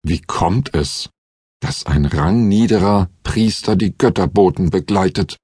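A man voicing a proud, petulant elderly male high priest in an audiobook. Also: a little slow, a little mellow, husky, dry recording, clean studio sound. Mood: peevish. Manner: peevish, then submissive.

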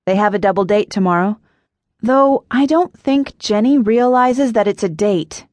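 A woman voicing a kind, earnest young woman who runs a pie shop and speaks softly. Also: mid-range voice, moderate pace, no room sound, natural voice. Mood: gentle.

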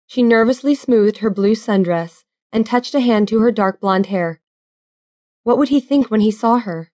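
A woman narrating an inspirational romance audiobook in a steady, measured reading. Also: mid-range voice, no room sound, studio quality. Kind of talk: scripted narration.

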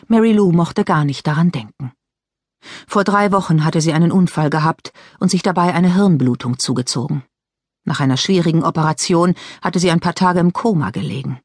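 A woman reads an audiobook aloud with a measured, even delivery. Her voice is slightly husky, recorded close and dry in a studio. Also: lowish voice, dry recording. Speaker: audiobook narrator. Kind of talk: scripted narration.

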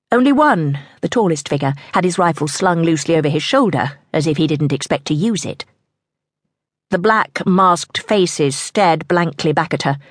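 A woman narrating an audiobook in a tense, measured storytelling manner. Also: low-pitched, slightly rough, no room sound, studio quality.

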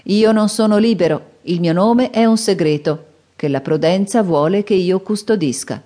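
A woman's voice: medium pitch, normal speed, dark tone, pitched above the performer's own voice, close to an everyday voice. A woman playing a guarded young swordsman. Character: young male swordsman stranger, guarded and proud.

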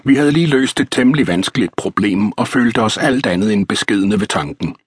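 A man reading a historical novel as an audiobook narrator, in a measured, even storytelling manner. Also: on the low side, slightly rough, no room sound, clean studio sound.

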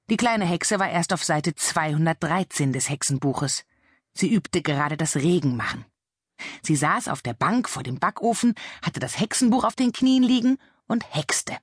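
A woman reads a children's storybook with a lively, expressive lilt that rises and falls widely. Her voice is soft and breathy, captured dry and close in a studio. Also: low-pitched, no echo. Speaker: audiobook narrator. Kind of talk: children's audiobook narration.

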